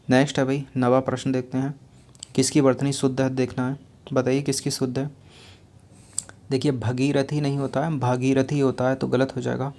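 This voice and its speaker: Flat-toned man teaching a spelling lesson. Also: medium pitch. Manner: explains patiently, repeats each answer and asks rhetorical questions. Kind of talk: exam-prep lesson going through spelling questions.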